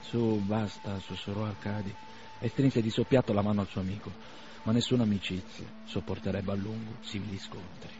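A man narrating a novel aloud in a measured, expressive radio reading. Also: on the low side, over music. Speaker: reader. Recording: slightly dull radio recording with faint noise.

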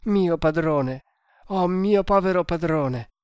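Man doing an excitable loyal servant. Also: a little high, slow pace, no echo. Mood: pleading. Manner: shouting, emotional, indignant. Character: loyal excitable male Indian servant, young adult.

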